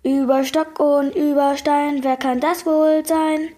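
A woman voicing a grumpy old grandfather who denies liking a children's show and then sings its song, in a raised, slow voice. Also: steady tone. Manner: sings in a slow, high, put-on voice.

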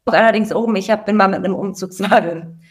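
A woman's voice: medium pitch, fairly even intonation, fast, slightly rough. A woman co-hosting a podcast who chats playfully, laughs easily and tells her own stories with dramatic flair. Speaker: podcast co-host. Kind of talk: casual chat.

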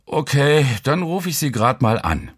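A man's voice: medium pitch, sing-song, measured pace, breathy edge, voice pushed up. Man playing a groggy mumbling hungover guy. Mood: groggy, lazy.

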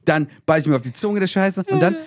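A man's voice: high voice, expressive, fast talker, dry recording, studio quality. A young man co-hosting a podcast, telling a story with mock outrage and plenty of swearing. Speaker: podcast co-host. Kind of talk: casual chat.

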